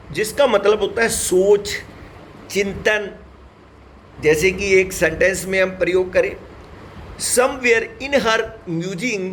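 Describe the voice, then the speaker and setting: A man with a high voice teaches an English lesson at a very slow, measured pace. He spells each word out letter by letter and addresses his students in a fatherly, devout manner. A faint hum sits behind his voice. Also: low-quality recording. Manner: spells words letter by letter, keeps addressing viewers. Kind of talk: slow, deliberate online lesson.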